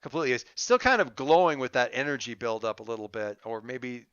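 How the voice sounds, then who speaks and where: A man with a bright, clean voice improvises as a tabletop game master. He talks casually and haltingly, working things out aloud, on a dry but slightly dull recording. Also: medium pitch, animated, smooth, no room sound.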